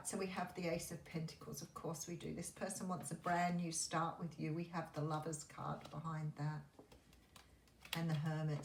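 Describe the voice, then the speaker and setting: A woman giving a mystical tarot horoscope reading, speaking in an intuitive, musing way with pauses as she works through the cards. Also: low voice. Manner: intuitive, musing, pausing as cards are turned. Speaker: tarot reader. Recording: roomy echo, faint background noise.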